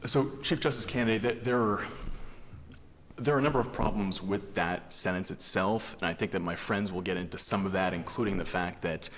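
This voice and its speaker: A man speaking as an attorney in formal oral argument, explaining points in a measured, careful way. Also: deep voice, a bit bright. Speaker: attorney arguing before a court. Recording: reverberant courtroom, faint noise.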